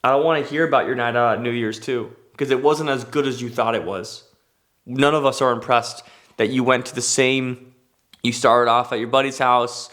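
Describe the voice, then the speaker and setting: A young man hosting a comedy show, ranting in a stand-up style monologue, cursing freely and slipping into mock voices. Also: mid-range voice. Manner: animated, swearing, jumps into mock voices.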